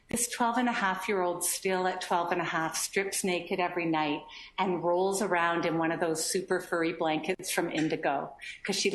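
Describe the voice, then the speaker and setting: A woman developmental pediatrician giving a lively lecture to doctors, acting out quoted children and parents. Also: fairly low pitch, reverberant, a little hiss or hum. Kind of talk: lecture to physicians.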